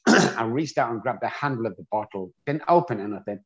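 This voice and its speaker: A man's voice: mid-range voice, expressive, a little fast, fairly bright tone. Candid English man, dull lo-fi sound. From England. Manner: candid, self-deprecating storyteller. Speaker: guest. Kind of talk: storytelling interview. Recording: dull lo-fi audio.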